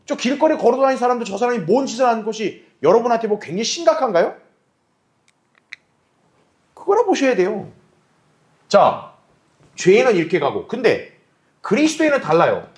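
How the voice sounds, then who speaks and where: A man's voice: very high-pitched, big pitch swings, brisk, long pauses. A male pastor teaching a Bible class, asking his listeners rhetorical questions and acting out little dialogues. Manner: acts out quoted voices in dialogue. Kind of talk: Bible study lecture.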